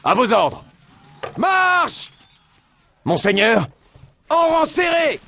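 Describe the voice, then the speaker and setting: A man's voice: very high voice, very animated, very slow, vocal fry, pushed and bright, exaggerated voice. A man playing an eager, obedient medieval soldier in a strategy game, barking clipped martial replies and battle commands. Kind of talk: video game unit barks.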